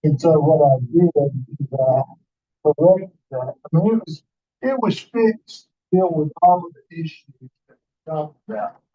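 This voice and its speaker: A man with a fairly high voice explains business at a board meeting. The audio is slightly dull, like a video call. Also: unhurried.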